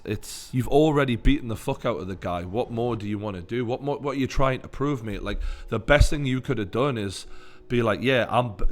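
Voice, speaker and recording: A man with a Newcastle Geordie accent delivers blunt, opinionated fight commentary. His voice sits at an ordinary male pitch and he swears freely. Music plays behind him.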